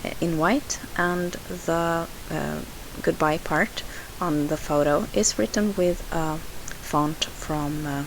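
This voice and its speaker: In a rough, hissy home recording, a scrapbooking host from Sweden narrates her process with a Swedish accent. Her low voice keeps a steady tone, going slowly with hardly any pauses, but she still hesitates with "uh" fillers and restarts.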